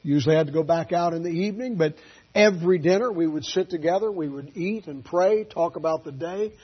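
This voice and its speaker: A man preaching a sermon as a pastor, telling folksy stories and swinging from quiet asides to loud, emphatic peaks. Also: fairly high pitch, fairly quick, breathy edge, muffled recording. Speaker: Baptist pastor.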